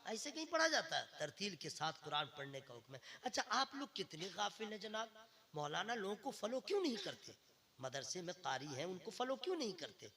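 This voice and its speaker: A male preacher with a high, very bright and piercing voice gives a religious speech. He swings between quiet, teasing asides to the crowd and shouted exhortation. He chants verses slowly and melodiously. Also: very animated. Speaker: Islamic preacher. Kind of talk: Urdu-Hindi religious speech.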